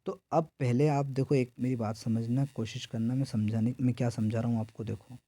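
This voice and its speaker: A man from India teaches a grammar lesson for exam preparation in a mid-range voice that is steady, brisk and dark. He keeps posing his own questions, answering them, and repeating each answer several times in a call-and-response pattern. There is no room sound.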